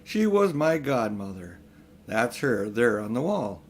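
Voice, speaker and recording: A pompous old magician uncle, as a male reader puts him on for a storybook. He is grandiose and condescending, talking down to others in a lively, swinging pitch. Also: a little slow, slight background noise. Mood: smug, confiding. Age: older.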